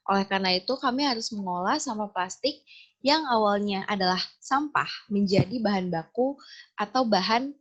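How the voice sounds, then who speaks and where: A young woman presents a student essay as a team member. She talks in a steady, methodical way and walks through her points one by one at a mid pitch. The audio is slightly dull and lo-fi. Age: young adult.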